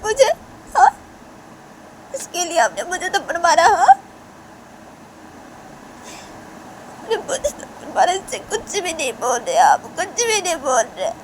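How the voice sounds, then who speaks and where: A woman voicing a hysterical young woman in a storybook tale, crying out in shrill, sobbing outbursts. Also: big pitch swings, moderate pace, slight background noise. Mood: shocked, tearful.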